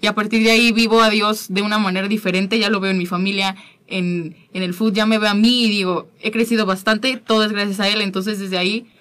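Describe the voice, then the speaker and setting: A woman's voice: medium pitch, fairly even intonation, a bit bright. Earnest woman sharing a faith story. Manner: earnest, halting, repeats words. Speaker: guest. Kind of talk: personal faith testimony.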